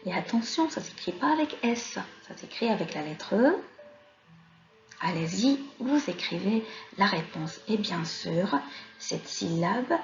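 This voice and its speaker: Slow, patient woman teaching children to read. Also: mid-range voice, lively intonation. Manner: slow, patient, spelling out syllables. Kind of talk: reading lesson for children. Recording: slightly dull sound with faint music.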